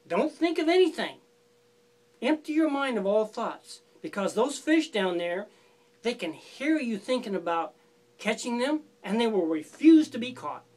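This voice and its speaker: A woman's voice: a little high, big pitch swings, a little slow, a little mellow. A woman voicing a sly male fox who gives falsely friendly, coaxing instructions in a folk tale. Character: sly scheming male fox, smooth talker.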